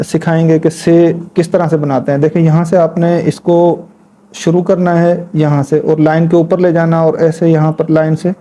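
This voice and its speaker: An Urdu writing teacher gives a patient, step-by-step instructional lesson on forming letters, talking as he demonstrates at a board. His voice is fairly high for a man, with a dark, mellow tone. He spells each word out slowly and repeats it while showing the strokes.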